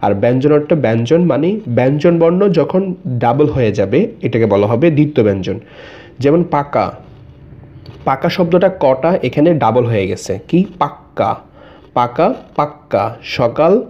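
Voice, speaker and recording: A man's voice: mid-range voice, lively intonation, normal speed, lo-fi sound. A man teaching an exam-prep grammar lesson, explaining step by step, repeating each example and answering his own questions.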